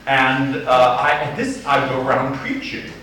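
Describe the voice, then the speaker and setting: Speaking at a medium pitch with bright, forceful, lively intonation, a middle-aged Boston archdeacon unspools wry stories at a slow, deliberate pace in a humorous sermon. There's a little hiss or hum, and the church sounds roomy through a distant mic.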